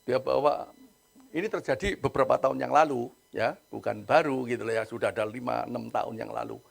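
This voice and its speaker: Male preacher, gravelly and husky, lively storyteller. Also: mid-range voice, a little fast. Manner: animated storytelling, acts out quoted voices. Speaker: pastor. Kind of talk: sermon.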